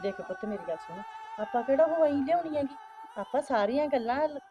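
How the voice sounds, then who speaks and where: A woman's voice: high voice, lively intonation, fairly quick, lo-fi sound. A woman acting as an older village mother, coaxing her son and calling him "son" at every turn. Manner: coaxing, repeating "son" often. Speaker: actor in a short film.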